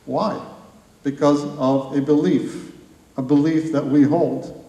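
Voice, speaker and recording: A man's voice: on the high side, steady tone, slow pace, dark tone. Man speaking in an echoey hall. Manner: rhetorical questions, lists in rising repetition. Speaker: conference speaker. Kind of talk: live talk to an audience. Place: large hall.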